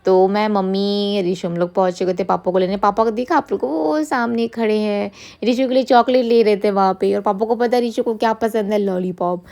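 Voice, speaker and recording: A woman's voice: medium pitch, fairly even intonation, a little fast, creaky, hardly any pauses. A woman, a single mother chatting casually in a vlog and venting about critics. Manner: chatty, venting, switches to soft talk with her child.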